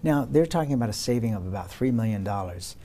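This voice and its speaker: A man hosts a broadcast political interview. His voice sits low and has a dark, mellow tone, with faint noise behind it. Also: lively intonation, quick pace. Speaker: political interview show host.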